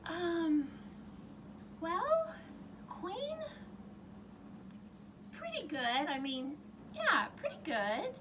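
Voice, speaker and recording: A storybook princess, young and bedraggled, played by a woman storyteller in a very high, swooping voice. She is pleading and terribly polite, heard from a distance in a noisy room. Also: huge pitch swings, full character voice. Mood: hesitant, polite. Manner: pleading, halting, over-polite.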